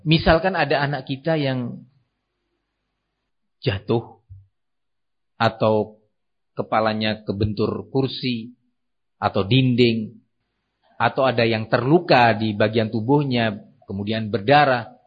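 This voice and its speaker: A man's voice: medium pitch, takes it slowly, long pauses, slightly rough. A man from Indonesia preaching an Islamic sermon in an earnest, admonishing manner. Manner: earnest, admonishing, acts out parents' voices. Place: small prayer hall. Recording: dull lo-fi sermon recording.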